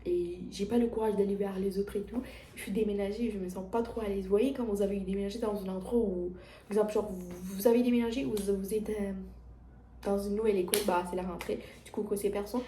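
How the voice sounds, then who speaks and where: A woman's voice: medium pitch, fairly even intonation, fast talker, mellow, reverberant, a little hiss or hum. Rambling teen girl with a French accent. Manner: rambling, many restarts and "genre" fillers. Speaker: vlogger. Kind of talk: casual confessional vlog chat. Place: at home, indoors.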